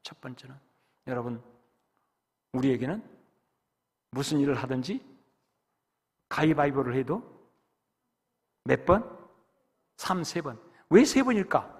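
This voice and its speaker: A man preaching a sermon as pastor, dramatic, rising to loud exhortation and dropping to hushed whispers. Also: medium pitch, lively intonation, unhurried, pauses often, husky. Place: church sanctuary. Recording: long reverb of a church hall.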